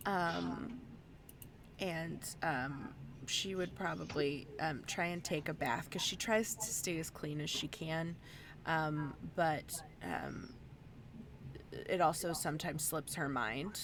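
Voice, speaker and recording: A woman's voice: deep voice, slow, background noise. A woman playing in a tabletop game, describing her character in a meandering way with frequent ums. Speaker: player.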